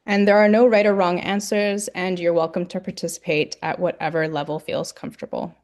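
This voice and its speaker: A woman moderating an online webinar, giving measured, scripted introductions with the occasional filler. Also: lowish voice, level tone, darkish tone. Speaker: webinar host.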